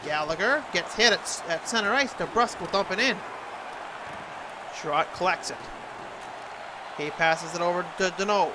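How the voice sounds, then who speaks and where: A man's voice: sits high, moderate pace, pauses often, background noise, close to an everyday voice. A man doing an impression of an earnest TV hockey play-by-play announcer, calling a video game in clipped present-tense phrases. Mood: analytical.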